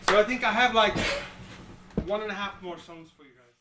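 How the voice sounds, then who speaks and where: A man's voice: high-pitched, a little fast, recorded from a distance, very noisy. A man, chatting playfully with the crowd between songs at a live gig. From Iceland. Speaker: singer-songwriter on stage. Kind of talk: between-song stage banter. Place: live music venue. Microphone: handheld recorder in the audience. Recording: roomy venue recorded from the audience. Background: instrument music.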